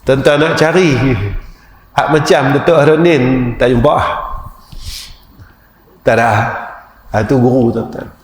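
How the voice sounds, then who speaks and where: A man's voice: medium pitch, little pitch movement, unhurried, pauses often. A male preacher with a Kedah Malay accent, giving a storytelling mosque lecture and often addressing the audience directly. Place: mosque hall. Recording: echoey mosque hall, faint ambience.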